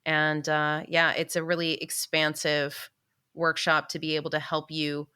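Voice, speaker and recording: Low, bright, clear-voiced woman. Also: completely flat delivery, measured pace. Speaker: guest spiritual channeler and workshop teacher. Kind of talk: conversational explanation of workshop.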